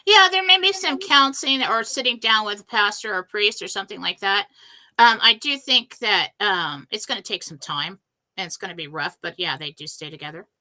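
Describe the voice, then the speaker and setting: A woman's voice: mid-range voice, fairly quick, bright, forceful tone. A woman giving psychic readings on a live stream, answering in a direct, matter-of-fact way with a scratchy voice. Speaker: psychic reader.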